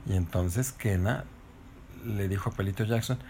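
A woman narrating a bedtime story to her child in a playful, animated way. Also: extremely low pitch, moderate pace, slight background noise. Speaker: mother telling a bedtime story.

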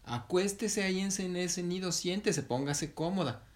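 A man voicing a calm, kindly mother monkey who reassures her friend, in a storybook tale. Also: medium pitch, moderate pace, vocal fry, voice pushed up. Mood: reassuring. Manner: gentle, reassuring, patient.

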